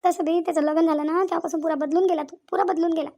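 A very high, thin voice belongs to a frantic young village bride in a cartoon, with a woman putting her on. She pleads and repeats herself, guilty and close to tears. The pitch sits far above an ordinary speaking voice. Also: steady tone, rapid-fire, warm tone, lo-fi sound. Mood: pleading. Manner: pleading, repetitive wailing. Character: anxious young village daughter-in-law, tearful, guilty. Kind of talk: cartoon voice acting.

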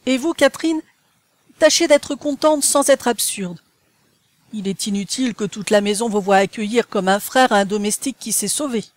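A woman reading a peevish, haughty gentleman. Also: on the high side, normal speed, natural voice. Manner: curt, peevish. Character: irritable, haughty young gentleman.

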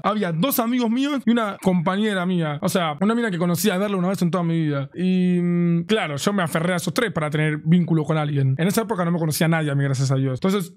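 A young man with a Rioplatense Argentine accent telling an animated, slang-heavy story to his stream chat. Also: high-pitched. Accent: Rioplatense Spanish. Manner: animated, slangy, mimics friends in raised voice.

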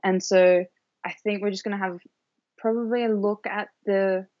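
A woman's voice: mid-range voice, fairly even intonation, moderate pace, a little mellow, no echo. A woman in her twenties with an Australian accent, a guest chatting casually in an interview with lots of "like" and "um". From New Zealand. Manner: rambling, lots of "like" and "um". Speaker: guest fighter. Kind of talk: casual interview over video call. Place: dim room indoors. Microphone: webcam on video call. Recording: dull dry video call audio.

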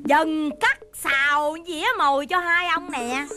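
An actress playing a sharp-tongued, fierce wife in a stage comedy, scolding bluntly. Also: female voice, high voice, fairly even intonation, measured pace. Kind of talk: stage comedy skit acting. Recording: backing music on stage.

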